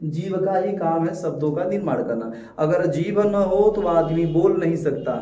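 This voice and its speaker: A man teaches a class, repeating key words and throwing rhetorical questions at his students in a call-and-response lecture. His voice is fairly high and mellow at a moderate pace, but the recording is echoey, distant, dull and lo-fi.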